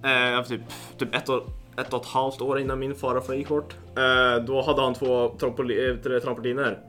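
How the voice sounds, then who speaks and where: A young man tells stories on a casual podcast, with lots of fillers and swearing. His voice is bright and forceful. Faint music plays behind him. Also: medium pitch. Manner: excitable storyteller, swears a lot, lots of fillers. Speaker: podcast co-host. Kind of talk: casual podcast chat, storytelling.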